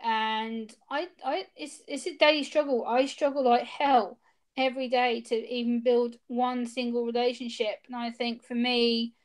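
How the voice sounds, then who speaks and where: Earnest higher-voiced woman, interview guest. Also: level tone, unhurried. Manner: open and earnest, with hesitant restarts. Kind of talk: candid personal interview.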